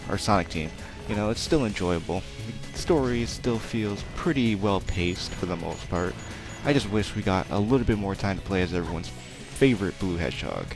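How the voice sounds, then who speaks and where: A young let's play commentator with a low, naturally quiet voice rambles through casual gameplay commentary. He's chatty and self-deprecating, with lots of fillers, and game music plays in the background.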